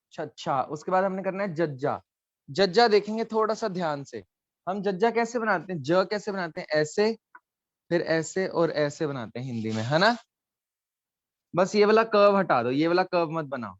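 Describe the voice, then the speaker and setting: A man leads a live online class, explaining each letter patiently and checking that students follow. His voice sits a touch high and sounds close and dry. The call audio comes through dull and lo-fi. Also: animated, moderate pace, no echo. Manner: patient, coaxing, mixes in English phrases. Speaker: online language teacher.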